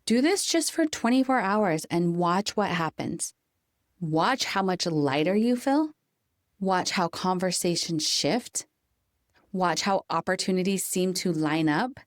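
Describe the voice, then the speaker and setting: A woman hosting a podcast, giving a calm, coaching motivational talk with deliberate, slowed emphasis. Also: on the low side, no echo, studio quality. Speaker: podcast host. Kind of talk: scripted motivational monologue.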